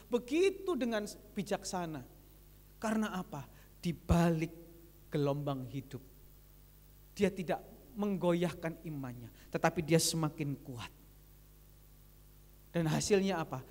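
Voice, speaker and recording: A male pastor, preaching a sermon that retells conversations and speaks directly to the congregation. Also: high-pitched. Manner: lively preaching that switches between retold dialogue and addressing the congregation. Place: large church hall. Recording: long church hall reverb.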